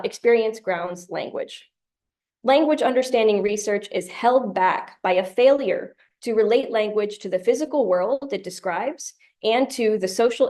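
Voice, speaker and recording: A woman presenting a conference tutorial, explaining ideas in a clear lecture style with light humorous asides. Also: on the high side, a little mellow. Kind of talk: academic lecture.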